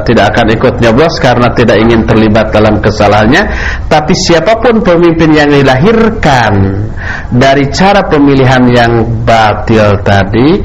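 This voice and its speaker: A man speaks like a preacher giving a religious lesson. His mid-pitched voice explains point by point, leaning on rhetorical questions and repetition. There is some noise behind him in the recording. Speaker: Islamic preacher answering questions. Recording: clearly noisy background, room ambience.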